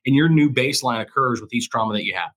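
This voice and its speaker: A man's voice: medium pitch, fast, fairly bright tone. A man who once worked as a police officer and now coaches people through crisis, speaking as a guest in casual conversation. He talks with firm emphasis and often repeats phrases to drive his point home.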